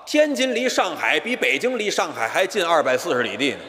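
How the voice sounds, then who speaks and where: A man leads a live crosstalk act on a theater stage. His voice sits high and swings widely as he tells the story and jumps into the other characters' lines. The microphone picks up the long reverb of the hall. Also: noisy background. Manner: animated storytelling that switches quickly into acted dialogue. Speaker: lead comic of a crosstalk duo.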